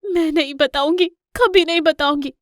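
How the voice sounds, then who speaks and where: A woman voicing a loving, desperate mother lioness in a cartoon story, pleading urgently and loudly. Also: fairly high pitch, level tone, moderate pace, no room sound, studio quality, natural voice.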